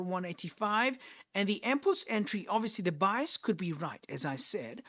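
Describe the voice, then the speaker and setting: A young man from Nepal hosts a live trading stream in a high, fairly bright voice. As he talks through trades and replies to chat, he keeps repeating and restarting phrases while working things out aloud.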